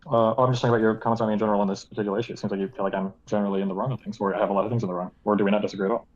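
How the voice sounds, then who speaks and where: A man's voice: lowish voice, fairly even intonation, racing. A man calling into a live stream over a muffled, tunnel-like headset line, hesitant and full of fillers. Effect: muffled, tunnel-like headset call audio. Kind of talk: casual call-in chat.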